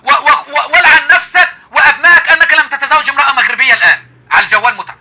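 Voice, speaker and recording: An Egyptian man hosts a heated live call-in, taunting his caller with mocking laughter. His speech races along at a very fast clip. His voice is high and sharply bright. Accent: Egyptian Arabic. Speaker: live-stream host. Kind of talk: confrontational live call-in debate.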